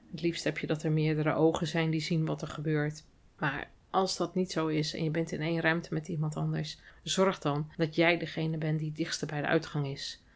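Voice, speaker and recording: A woman with a fairly low voice speaks alone on her podcast, unhurried and reflective. She explains things carefully and calmly, as if sharing what she has learned. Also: creaky. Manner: calm, explanatory, thoughtful. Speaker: podcast host and hospital clown. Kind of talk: reflective solo podcast monologue.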